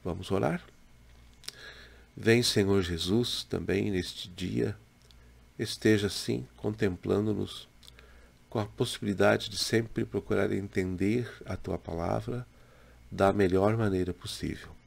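Slow, gravelly older pastor. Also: male voice, lowish voice, steady tone. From Brazil. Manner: slow, measured, gentle preaching with pauses. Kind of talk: daily devotional sermon. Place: small home room with bookshelf. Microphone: webcam in front, head and shoulders.

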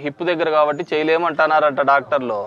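A man, a politician going door to door, asking brisk questions and reassuring residents out on the street. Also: fairly high pitch, fairly even intonation, fairly bright tone, dull audio. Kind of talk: door-to-door conversation. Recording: crowd noise around. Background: crowd of people.

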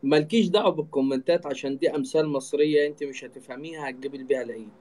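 Joking Egyptian man, slightly high voice. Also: rapid-fire, warm tone. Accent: Egyptian Arabic. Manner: joking, teasing. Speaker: live-stream host. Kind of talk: casual bantering live-stream chat. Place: indoor room, live video call.

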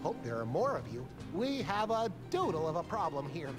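Folksy worried lil game animal villager, bouncy pitch, music behind. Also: male voice, very animated, moderate pace. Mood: worried, grateful. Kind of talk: video game character acting.

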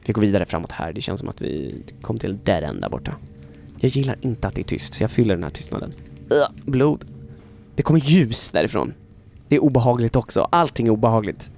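A man giving chatty let's-play commentary on a horror game, filling silences with talk and switching between hushed whispers and loud yelps. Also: mid-range voice, vocal fry, a little hiss or hum. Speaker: gaming YouTuber.

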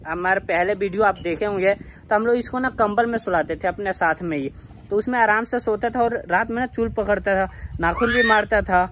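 A man's voice: high voice, fairly quick, a bit bright, a little hiss or hum. A man, chatting casually and directly to his viewers outdoors at home. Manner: plain, repetitive, addresses viewers directly. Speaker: vlogger with a pet monkey. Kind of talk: casual vlog chat to viewers.

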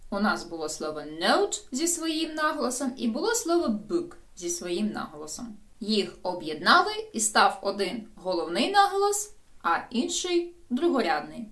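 A woman explains sounds and transcription symbols to her viewers in a video lesson. Her pitch sits mid-range but rises and falls a lot as she talks. She speaks directly to the viewer in a clear, explanatory way. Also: big pitch swings, moderate pace, a bit bright. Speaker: English pronunciation teacher.

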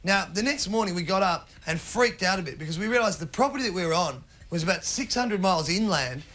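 A middle-aged man doing stand-up, telling a rambling story with sudden shouted bits, recorded live on stage. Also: high-pitched, animated, quick pace. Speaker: stand-up comedian. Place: comedy stage before an audience.

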